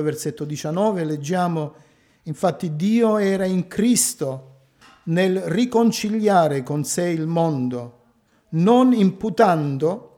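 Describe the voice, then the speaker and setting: Male preacher, sermon, rhetorical questions, emphatic pauses, unhurried pace. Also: a little high, a little mellow.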